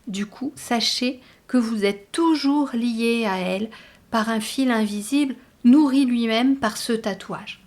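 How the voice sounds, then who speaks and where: A woman hosting a spiritual guidance channel, talking in a measured, earnest way with hesitant restarts. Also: a little high, a little mellow. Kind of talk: spoken spiritual guidance monologue.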